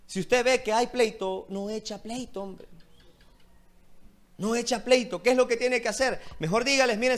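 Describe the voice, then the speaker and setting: High-pitched impassioned male preacher. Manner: impassioned preaching, repeated direct address to listeners. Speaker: pastor. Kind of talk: sermon.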